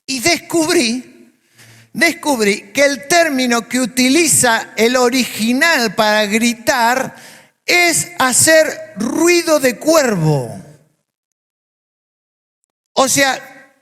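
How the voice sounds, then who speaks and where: A man's voice: very high voice, fairly bright tone, in a large hall. A man with an Argentine accent, preaching a sermon as a pastor, emphatic and full of repeated phrases. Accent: Argentine Spanish. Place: church.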